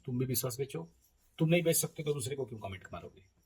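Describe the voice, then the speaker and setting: A man, an astrologer, telling stories in a casual spoken monologue, animated and often laughing, swinging between loud and soft. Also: medium pitch, quick pace, slight background noise, rough recording. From eastern India.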